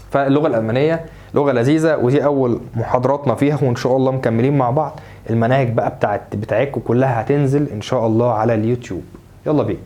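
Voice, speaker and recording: A young man with an Egyptian Arabic accent, teaching German pronunciation in a lively, coaxing way and repeating words slowly for learners. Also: mid-range voice. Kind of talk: lively classroom-style pronunciation lesson.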